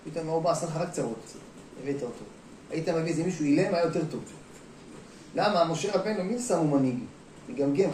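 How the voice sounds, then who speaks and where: A rabbi giving a lively sermon to an audience in a hall, shifting between talking and acting out quotes, calling out to the listeners. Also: male voice, fairly high pitch, a little hiss or hum. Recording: echoey room, mic at a distance.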